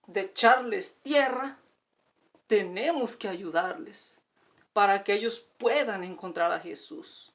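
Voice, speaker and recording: A man's voice: high-pitched, slow pace, fairly bright tone. A man preaching a sermon, pleading with his listeners, calling them dear friend and repeating words for emphasis.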